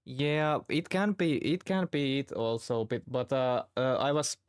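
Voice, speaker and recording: A man from Finland chatting casually, halting often as he searches for words. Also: medium pitch, expressive, clear, resonant tone, dry recording, clean studio sound. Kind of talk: casual chat.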